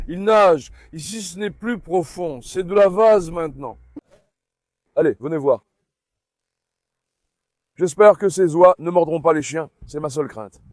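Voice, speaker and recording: A man vlogging outdoors in a garden, calling and coaxing his puppies in a lively, animated way and talking to his viewers. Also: fairly high pitch, no room sound, clean studio sound. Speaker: dog breeder vlogger. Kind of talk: casual vlog talk to puppies and viewers.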